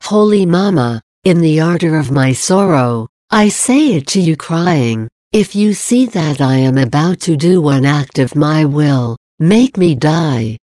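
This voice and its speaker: Brief: woman reading as a fervent pleading soul, slow and mellow, dry sound. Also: deep voice, lively intonation, no room sound. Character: devoted female soul pledging herself in sorrow. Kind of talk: devotional reading.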